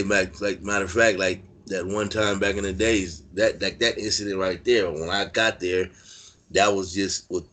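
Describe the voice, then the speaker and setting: Man, californian accent, very low voice, rambling, filler-heavy, casual interview storytelling. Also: fairly bright tone. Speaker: interview guest, former prisoner.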